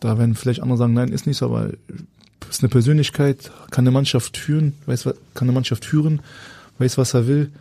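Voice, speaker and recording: A man's voice: mid-range voice, fairly even intonation, brisk, vocal fry, dark tone, no echo, studio quality. A man, a former footballer, telling stories in a loose, colloquial way as a guest in casual conversation, often searching for words. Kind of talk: casual anecdotal storytelling.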